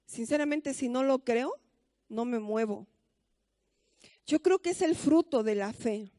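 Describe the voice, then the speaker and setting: A woman's voice: fairly high pitch, lively intonation, a little slow, warm tone, no room sound, studio quality. A woman pastor with a Mexican accent, giving a conversational sermon full of stories and rhetorical questions.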